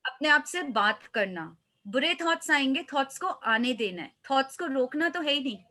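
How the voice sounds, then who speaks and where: Bright high-voiced woman coach. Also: lively intonation, moderate pace. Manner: earnest, mixes English phrases into speech. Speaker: life coach guest. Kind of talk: motivational interview talk.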